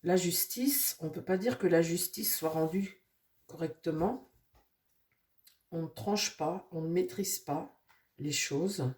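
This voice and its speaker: A woman's voice: on the low side, takes it slowly, pauses often. Nasal woman with a cold, reading tarot. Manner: rambling, many fillers and restarts; addresses her tarot deck softly. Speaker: tarot reader. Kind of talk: casual tarot reading to viewers.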